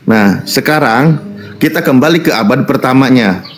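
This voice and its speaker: Teasing male debater, mid-pitched voice. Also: animated, normal speed, soft background music. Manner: teasing, mocking, repeats taunts. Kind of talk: heated online interfaith debate.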